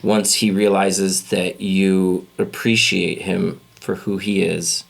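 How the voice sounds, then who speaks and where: A man's voice: low-pitched, flat delivery, creaky. Guy guesting on a podcast, chill and thoughtful, lots of um and uh. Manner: thoughtful, a little halting with fillers. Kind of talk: casual chat.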